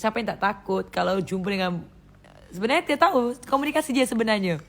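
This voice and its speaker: A woman from Indonesia chatting on a live stream, lively and loose, who laughs often. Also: mid-range voice, fast. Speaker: livestream host. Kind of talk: casual live-stream chat. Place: indoors, live stream from a phone.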